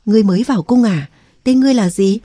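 A weary young queen , read by a woman narrator pours out her troubles in a mellow, earnest voice. The sound is close and dry, with no room around it. It is a storybook reading with a restrained touch. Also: mid-range voice, fast, no room sound, natural voice. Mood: regal. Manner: earnest, confiding.

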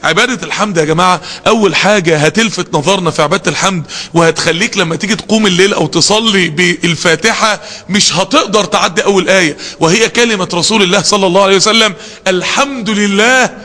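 A man's voice: sits high, fast talker, sharp tone, big-room sound. A man with an Egyptian Arabic accent preaching a sermon, firing off rhetorical questions with passion.

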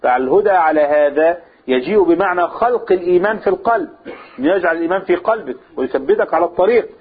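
Quick-paced and lively in intonation, a man with a high-pitched, slightly rough voice and Egyptian Arabic accent teaches Quran commentary. He explains by questioning and answering himself, recorded with a tinny, phone-like quality.

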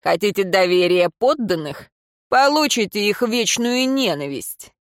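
A narrator voicing a cruel, scheming male royal advisor who speaks in a slow, mocking way. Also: mid-range voice, animated, dry recording, studio quality. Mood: sneering. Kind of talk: audiobook character voice.

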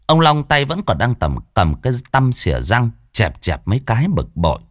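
A man's voice: mid-range voice, sing-song, moderate pace, no room sound, clean studio sound. A man narrating a horror story expressively.

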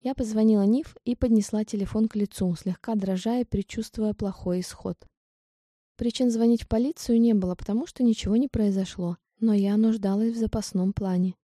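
Woman narrating a story in a mellow voice. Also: medium pitch, fairly even intonation, fairly quick, dry recording, studio quality. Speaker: audiobook narrator. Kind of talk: first-person audiobook narration.

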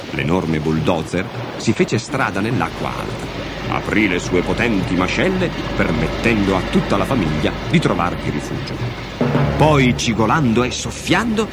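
A man narrating a children's story with an expressive, dramatic reading. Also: lowish voice, normal speed. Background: music.

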